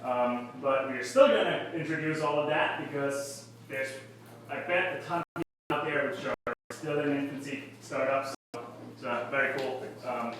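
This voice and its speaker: A man's voice: medium pitch, moderate pace, fairly bright tone. Casual male meetup host, fillers, far echoey room noise. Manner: loose, rambling, many fillers. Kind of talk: event emcee introductions. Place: event space at a tech meetup.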